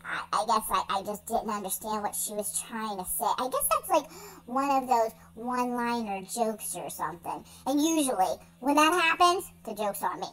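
A woman doing a goofy young male dog, high childlike voice, bouncy sing-song delivery, stammering and rambling. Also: very animated, normal speed, a bit bright, rough recording. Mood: chatty. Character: naive young male dog, big fluffy, sweet-natured. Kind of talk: pet voice-over monologue.

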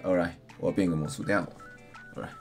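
A man, a live streamer chatting and ranting loudly and mixing in English phrases. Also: deep voice, fairly even intonation, very fast, soft background music. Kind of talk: casual livestream chat.

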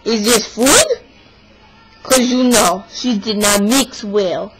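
A woman's voice: on the high side, takes it slowly, music in the background. A young woman performing a comic monologue as a stubborn young Russian woman, with a put-on Russian accent and broken English. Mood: indignant. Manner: broken English, dropped articles, exaggerated complaining. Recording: noisy home video recording.

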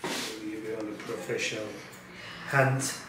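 A man's voice: lowish voice, level tone, a little slow. A man with a Turkish accent, a barber chatting in short, repeated phrases and broken English while cutting hair in a small shop. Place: small barbershop by a street window. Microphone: far camera. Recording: very echoey room, mic far off, loud noise.

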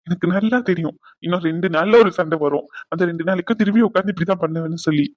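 A man voicing an apologetic young husband in a cartoon drama, talking gently and coaxing. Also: high-pitched, very fast, no room sound, dull audio. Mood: soothing.

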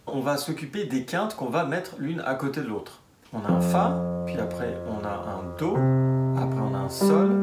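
A man's voice: medium pitch, roomy sound. A man giving a music theory lesson as a piano teacher, explaining step by step and asking and answering his own questions. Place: room with a piano.

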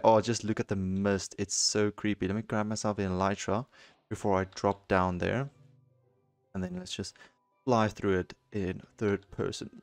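A young man giving excitable let's-play commentary on a video game, jumping into high squeals when something thrills him. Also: vocal fry, dry recording. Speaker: gaming channel host.

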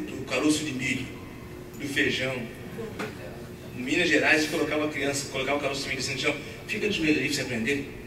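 A man from Brazil, a pastor preaching a sermon, animated and laughing as he acts out family stories. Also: mid-range voice. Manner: animated storyteller acting out family scenes, laughing often. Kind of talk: sermon with storytelling. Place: church hall. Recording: echoey church hall from far off, noisy.

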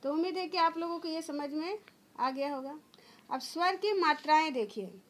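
Patient high-voiced woman teaching grammar. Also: lively intonation. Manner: patient, explains step by step, asks and answers own questions; drawn-out demonstration sounds. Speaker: school teacher. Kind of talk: online Hindi grammar lesson for children.

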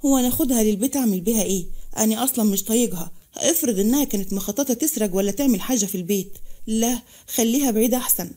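A woman's voice: a little high, racing, dark tone, close to an everyday voice. A woman voicing an arrogant, mocking young man with an Egyptian accent, delivering cold, harsh warnings. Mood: cold, scornful. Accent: Egyptian Arabic.

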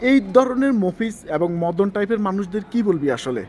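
A man's voice: high voice, very animated, a little fast, darkish tone, a little hiss or hum. A man interviewing a guest, asking questions in Bengali sprinkled with English words.

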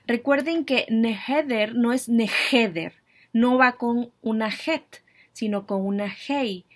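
A woman's voice: fairly high pitch, slow. A woman teaching a language in a casual video lesson, patiently repeating each phrase for learners.

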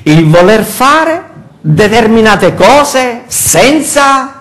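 An older pastor with a Sicilian Italian accent preaches in a church hall, animated and full of rhetorical questions. His voice is very high and extremely slow, recorded from a distant camera.

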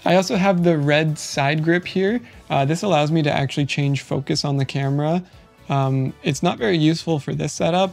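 Young male vlogger, fairly high voice, relaxed gear walkthrough, faint music underneath. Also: gravelly. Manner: relaxed, chatty, explains gear step by step. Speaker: YouTuber. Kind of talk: casual gear walkthrough vlog. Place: home room by a noisy computer. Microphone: studio microphone into computer.

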